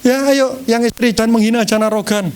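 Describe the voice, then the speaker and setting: A male pastor preaching a sermon to his congregation, animated, acting out different tones of voice. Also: very high-pitched, fast talker, smooth.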